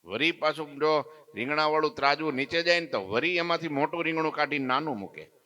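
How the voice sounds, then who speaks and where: A man giving a devotional storytelling discourse in a temple, animated and swinging between loud and soft as he acts out the quotes. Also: on the high side, fast talker, muffled recording. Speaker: swami giving a scripture discourse. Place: temple hall.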